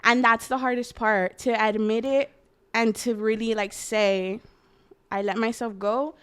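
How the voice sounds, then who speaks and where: A woman's voice: a little high, fairly even intonation, measured pace, smooth. A woman in her twenties talking earnestly and reflectively in an interview, often saying "like.". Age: 20s. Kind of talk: candid personal interview.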